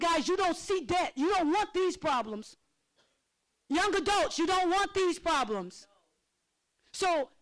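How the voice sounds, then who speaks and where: Very high-voiced excitable woman presenter. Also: rough recording. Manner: lively, calls on audience members by name; excitable, laughs often. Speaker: financial literacy workshop presenter. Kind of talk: interactive workshop teaching.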